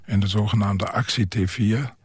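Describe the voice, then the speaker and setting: Older guy with roots, low-ish husky voice, hesitant, lots of pauses, dry studio. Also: steady tone, no room sound. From Germany. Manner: hesitant, halting with many pauses and fillers. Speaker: psychiatric care worker and author. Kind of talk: radio interview.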